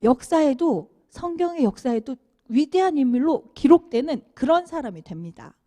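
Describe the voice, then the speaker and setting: A woman giving a children's sermon, animated and asking the kids questions as she tells the story. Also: high voice, normal speed. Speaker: children's minister.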